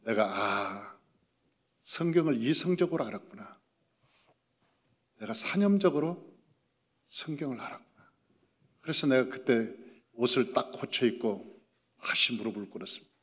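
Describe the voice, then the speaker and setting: A man preaching as pastor, telling a story and acting out dialogue, moving between loud emphasis and hushed prayer. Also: medium pitch, expressive, a little slow, long pauses. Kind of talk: sermon. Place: church sanctuary. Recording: reverberant church hall.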